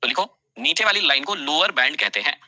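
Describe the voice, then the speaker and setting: A man's voice: on the high side, expressive, fairly quick, bright, forceful tone, dry recording. A man teaching a live online class, repeating key phrases for students to write down and talking to them directly, scolding and then reassuring.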